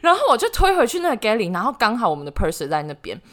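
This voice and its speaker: A woman with a Taiwanese Mandarin accent, co-hosting a podcast and telling stories in a lively, laughing way. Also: fairly high pitch, rapid-fire. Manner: animated, laughs often while telling stories. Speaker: podcast co-host, former flight attendant. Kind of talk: casual storytelling chat.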